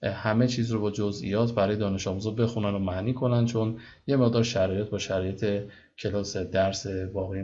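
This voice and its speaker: A man teaching English, reading English lines slowly and translating them briskly. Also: fairly low pitch, darkish tone. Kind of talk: bilingual reading lesson. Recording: dull lo-fi recording.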